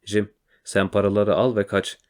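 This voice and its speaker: A man's voice: lowish voice, level tone, moderate pace, a little mellow, natural voice. A man voicing a frightened middle-aged mother who speaks urgently in a storybook reading. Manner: urgent, fearful.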